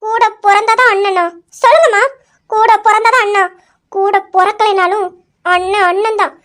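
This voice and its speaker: A woman's voice: extremely high pitch, flat delivery, moderate pace, a bit bright. A woman voicing a fiery young woman who indignantly defends her brother in an amateur audio drama. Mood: angry. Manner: indignant, demanding, repeats questions.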